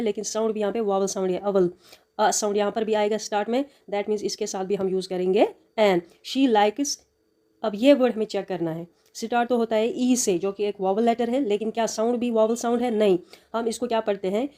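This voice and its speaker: A woman teaching English grammar, explaining in Hindi and reading each example sentence slowly and deliberately. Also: medium pitch, warm tone.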